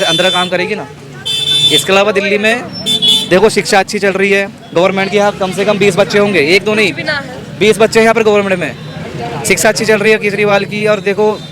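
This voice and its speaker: A young man arguing insistently in a street interview. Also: high-pitched. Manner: fast, insistent, argumentative. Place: busy city street outdoors. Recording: noisy street crowd around. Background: crowd and traffic.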